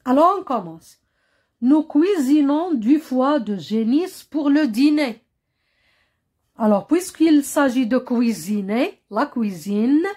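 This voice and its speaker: A woman explains vocabulary to primary pupils at an unhurried, deliberate pace. Her voice sits a little high, and she repeats each word and keeps asking whether the class has followed. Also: a little mellow, husky. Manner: patient, repeats words, checks with "hein?" and "compris?". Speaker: primary school teacher.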